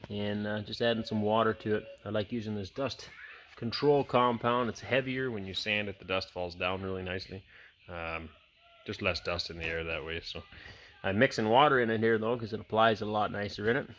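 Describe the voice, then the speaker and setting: A man talks casually into a handheld camera as he walks around his farm and later works indoors. His voice sits a bit low but comes across bright and forceful. He rambles, with frequent "uh" fillers, over a faint hiss. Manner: chatty, rambling with many "uh" fillers. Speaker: homesteader vlogger. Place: outdoors on a farm, then indoors in a house.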